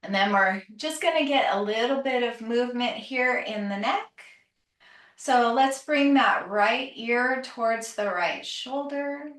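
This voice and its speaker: A woman yoga teacher leading a calm grounding exercise, gently and soothingly cueing breath and movement. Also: a little high. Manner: gentle, soothing, unhurried instruction. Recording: roomy echo, distant microphone.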